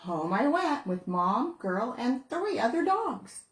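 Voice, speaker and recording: A woman who is a children's book author, reading her picture book aloud in a playful, expressive way. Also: fairly high pitch, takes it slowly. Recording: roomy echo.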